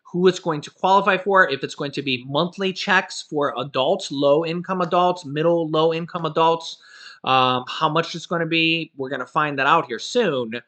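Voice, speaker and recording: Commenting casually on stimulus news in his vlog, a man speaks at a moderate pace in a high-leaning, pushed, bright voice. He rambles and self-corrects, peppering his loose talk with "you know" and "of course."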